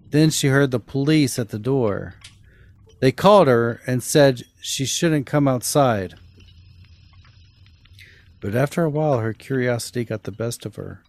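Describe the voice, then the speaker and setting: A podcast host and storyteller speaks close to the microphone, casually sharing spooky stories and anecdotes. His voice is mid-range and a little mellow.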